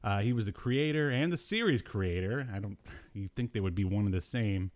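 Fairly quick and expressive, this man's lowish, darkish voice carries his podcast banter. As host, he jokes and vents exasperation while casually chatting about old cartoons.

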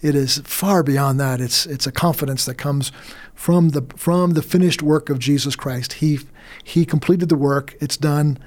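Earnest middle-aged man, higher-pitched voice. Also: a little slow, darkish tone. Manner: earnest, with frequent restarts and repeated words. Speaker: guest minister. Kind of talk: faith interview, earnest testimony.

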